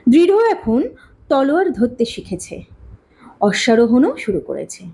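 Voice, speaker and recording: A woman narrating a story aloud with an expressive, dramatic reading. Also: on the high side, a little slow. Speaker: audiobook narrator.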